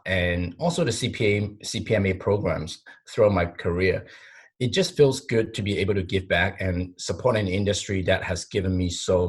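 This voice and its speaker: A man's voice: low-pitched, husky. A man, speaking sincerely and measuredly as a podcast guest. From Hong Kong. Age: 40s. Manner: sincere, measured, with some repeated words. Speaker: interview guest, company president. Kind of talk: conversational podcast interview.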